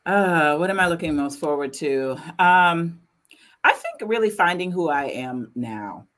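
A woman in her forties, a guest in an interview, speaking in a reflective, measured way with hesitant restarts. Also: on the low side, animated, a bit bright. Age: 40s. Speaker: interview guest, university administrator. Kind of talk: conversational interview.

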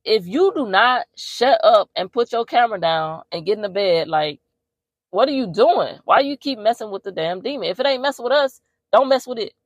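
A woman's voice: mid-range voice, lively intonation, moderate pace, no echo, natural voice. A woman voicing an exasperated young woman scolding her boyfriend, in a pleading, scolding tone.

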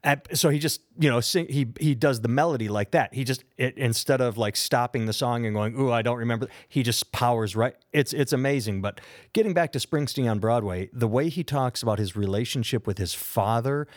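An American man co-hosts a podcast, telling stories in a rambling, enthusiastic way during casual chat. His mid-range voice moves briskly. The recording is dry and of studio quality.

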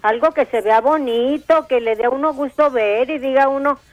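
A woman's voice: high voice, normal speed. A woman with a northern Mexican accent calls a radio show by phone, complaining in a casual, plain-spoken, colloquial way. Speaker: radio caller. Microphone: telephone. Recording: dull band-limited phone line on radio.

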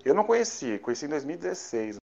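A man's voice: on the high side, sing-song, rapid-fire, creaky, darkish tone. São Paulo Brazilian man, slangy, slightly muffled audio. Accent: Brazilian Portuguese, São Paulo. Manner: slangy, enthusiastic. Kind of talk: casual chat.

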